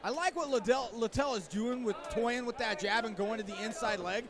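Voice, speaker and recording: A man's voice: very high voice, a little fast. A man giving analytical color commentary during a live mixed martial arts fight. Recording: loud crowd at live venue.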